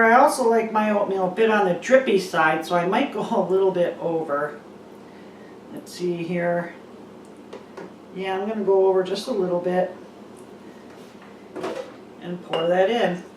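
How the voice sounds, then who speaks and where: A woman's voice: mid-range voice, a little hiss or hum. A woman talks through a recipe in a loose, chatty way, with plenty of fillers. Her voice bounces around a bare, empty kitchen with a big echo, picked up by a camera mic some distance away. Dishes and cutlery clink faintly behind her. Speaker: cooking channel host. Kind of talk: casual recipe demonstration. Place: half-packed, empty-sounding home kitchen. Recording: echoey room, voice far from the mic.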